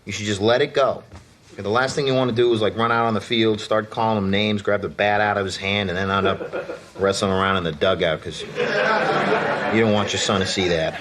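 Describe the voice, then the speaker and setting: A man's voice: fairly low pitch, fairly quick, a bit bright, slight background noise, close to an everyday voice. An actor playing a blunt, know-it-all family man who lectures a friend on parenting. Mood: lecturing. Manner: blunt, lecturing, laid-back. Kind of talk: sitcom acting.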